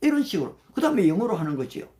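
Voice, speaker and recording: With a voice that sits high, an older man hosts a livestreamed prayer meeting in an animated, rising-and-falling style. Throughout this devotional talk, he thanks viewers by name and slows considerably to recite Bible verses in English.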